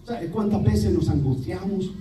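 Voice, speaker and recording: A priest with a Puerto Rican accent giving a lively sermon, telling stories and imitating voices. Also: male voice, high-pitched, unhurried. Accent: Puerto Rican Spanish. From Puerto Rico. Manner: lively storytelling preacher, mimics voices, laughs. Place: church hall. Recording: roomy, distant church recording with faint hiss.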